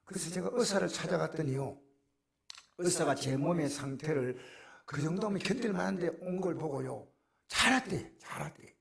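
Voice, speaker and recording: A middle-aged male pastor, preaching a sermon that swings from hushed near-whispers to loud exclamations. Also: on the high side, expressive, moderate pace, creaky.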